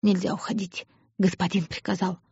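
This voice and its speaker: A woman voicing a bitter, devoted young servant girl with a hushed, hoarse voice, in an audiobook. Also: medium pitch, little pitch movement, moderate pace, dry recording, dull audio. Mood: frightened. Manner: sullen, whispering.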